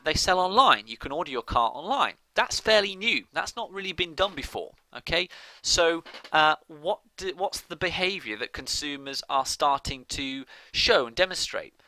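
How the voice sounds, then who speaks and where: Bright-voiced man giving a lecture. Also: medium pitch, no room sound, low-quality recording. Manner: explanatory, repeats and restarts phrases, checks with "okay?". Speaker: college lecturer. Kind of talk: recorded lecture.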